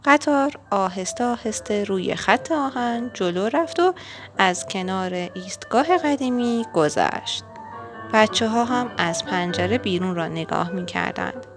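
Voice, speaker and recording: A woman reading a children's picture book aloud in a gentle, expressive storytelling manner. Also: mid-range voice, soft background music. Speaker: storybook reader.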